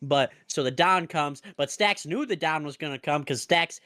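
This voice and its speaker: A man co-hosting a wrestling podcast, excitedly recapping events in casual, profane chat. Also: on the high side, normal speed. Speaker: podcast co-host.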